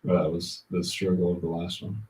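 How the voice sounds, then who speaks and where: Low-voiced man livestreaming in an echoey room. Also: monotone, a little mellow, a little hiss or hum. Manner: informal, thinking aloud, halting. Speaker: livestream host. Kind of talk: casual livestream chat, answering viewer comments. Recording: roomy, muffled, distant laptop-like mic.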